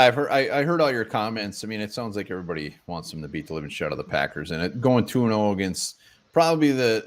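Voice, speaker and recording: A man co-hosting a casual live sports show, joking bluntly and swearing freely. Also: on the low side. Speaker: sports podcast co-host.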